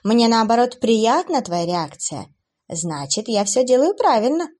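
A cruel, playful female demoness from a storybook, her voice pitched up and louder as she mocks and gloats. Her tone is sing-song and taunting, with a woman narrator putting it on. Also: very animated, a little slow. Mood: gloating.

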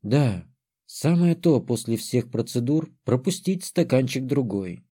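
A man voicing a smirking, wine-loving dark elf woman in an audiobook, with a low, lazy drawl. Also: expressive, a little slow, husky. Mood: smug.

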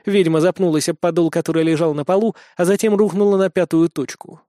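High-voiced male audiobook narrator. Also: fast, dry recording, studio quality. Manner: theatrical, lively storytelling. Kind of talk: expressive first-person audiobook narration.

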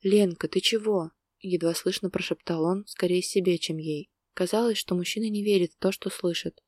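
A woman narrating a romance story in a measured, even storytelling manner. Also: lowish voice, no room sound, studio quality.

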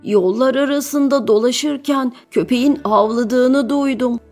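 A woman voicing a small, frightened boy private who reports in high, urgent, drawn-out words. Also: darkish tone, faint music behind. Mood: reporting.

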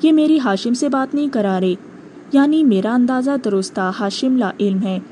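A woman's voice: a little high, mellow, a little hiss or hum, lightly acted. A woman voicing a frightened defiant young man. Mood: anxious. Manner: defiant and fearful. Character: frightened, stubborn young male captive.

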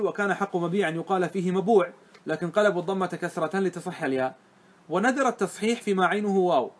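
A man with a high voice teaches a grammar lesson to a class. He explains it step by step, often pausing to make sure the students are keeping up.

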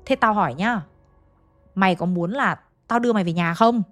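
Woman doing gruff old shaman man, rough and commanding, storybook ghost tale. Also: medium pitch, moderate pace, faint music behind, natural voice. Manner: barking commands, rough and blunt. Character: stern older male village shaman, bossy.

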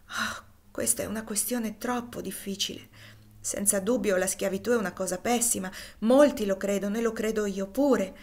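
A woman voicing a devoted, tender middle-aged father in an audiobook reading, gentle and soothing. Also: medium pitch, moderate pace, lightly acted.

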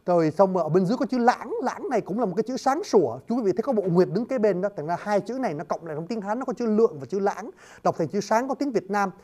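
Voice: mid-range voice, lively intonation, fast, a little mellow. Casual lecturer, talks straight to listeners, spells words out. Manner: addresses listeners often, spells words letter by letter. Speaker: lecturer on word origins.

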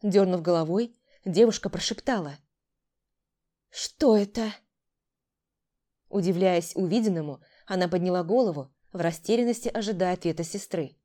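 A woman's voice: fairly low pitch, fairly quick, warm tone. Woman narrating a drama audiobook.

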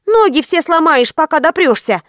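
A woman's voice: very high voice, moderate pace, no echo, studio quality, voice pushed up. Woman doing a squealing hysterical young woman. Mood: whiny squealing. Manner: squealing, whining.

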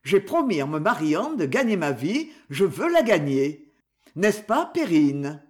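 A patient young husband who has finally put his foot down speaks firmly and curtly, as a man reading the novel gives him voice. The delivery is slow and measured. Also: high voice, very animated. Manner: firm, curt. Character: firm, patient young husband, now resolute.

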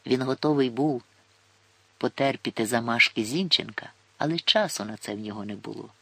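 A man's voice: medium pitch, moderate pace, gravelly, dry recording. A man narrating a novel as an audiobook reader, voicing the dialogue in character. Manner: lively storytelling with dialogue voiced in character. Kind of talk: scripted narration.

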